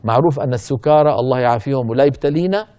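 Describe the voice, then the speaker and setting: A man teaching Quran recitation, explaining verse and demonstrating errors by drawing out words slowly, addressing his listeners as brothers. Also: mid-range voice, dark tone, no echo.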